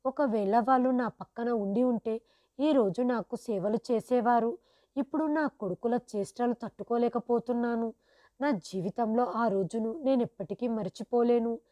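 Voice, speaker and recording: A woman narrating a first-person family story in a steady, sorrowful manner. Her voice sits fairly high but sounds mellow and dark in tone. The recording is dry and close. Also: normal speed, no room sound.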